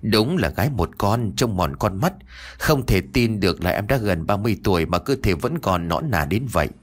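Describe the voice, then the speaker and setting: A man voicing a cruel, lecherous young landlord's son who gives gruff, commanding orders. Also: fairly low pitch, animated, normal speed. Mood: menacing.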